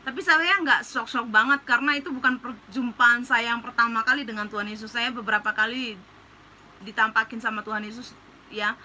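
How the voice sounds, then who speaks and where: A woman's voice: a little high, steady tone, brisk, sharp tone, slight background noise, low-quality recording. A woman pastor giving a personal testimony in a chatty storytelling manner, full of fillers, turning to earnest urging of her listeners. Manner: earnest, urgent exhortation. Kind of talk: sermon testimony.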